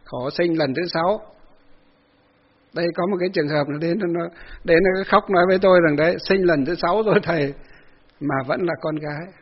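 A man's voice: on the high side, brisk, slightly rough, muffled recording. A man giving a folksy Buddhist sermon, telling a story with many fillers and acted-out quotes. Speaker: Buddhist monk giving a dharma talk.

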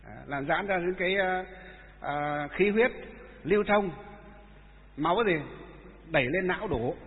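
A man, a Buddhist monk giving a dharma talk and telling stories, with many halting filler sounds. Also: high-pitched. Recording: echoey hall, tinny phone-like sound.

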